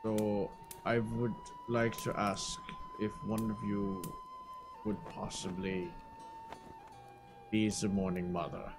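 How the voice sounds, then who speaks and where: A man's voice: lowish voice, flat delivery. A man speaking formally in character during a tabletop game. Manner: measured and formal. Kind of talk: slow, formal in-character speech. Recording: music playing under the voice.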